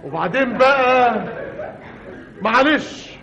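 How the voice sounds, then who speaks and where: High-voiced guy doing an exasperated comedy monologue, dull old radio sound. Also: animated, slow pace, sharp tone. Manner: exasperated, mock-dramatic storytelling. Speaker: comic monologue narrator.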